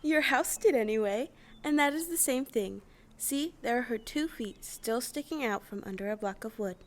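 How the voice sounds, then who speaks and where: A woman's voice: a little high, animated, moderate pace, natural voice. A woman playing a small, kindly old good witch in an audio play, explaining things in an assured, matter-of-fact way. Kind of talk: stage-style audio play acting.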